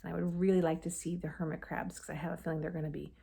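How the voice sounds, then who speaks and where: With a lowish voice and vocal fry, a woman teacher races through a storybook for young children, reading expressively while slipping in chatty remarks and gentle comprehension questions. The background is noisy.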